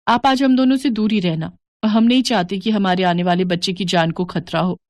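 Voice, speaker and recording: A woman's voice: medium pitch, normal speed, a little mellow, no echo, lightly acted. A woman voicing haughty, rich young daughters-in-law who talk down to their widowed mother-in-law in a scornful tone. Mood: condescending. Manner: scornful, condescending. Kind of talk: animated moral story voice acting.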